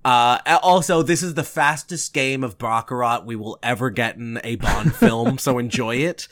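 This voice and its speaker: A man co-hosting a casual film review podcast, wry and quick to react, often laughing. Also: medium pitch, fairly bright tone. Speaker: podcast co-host.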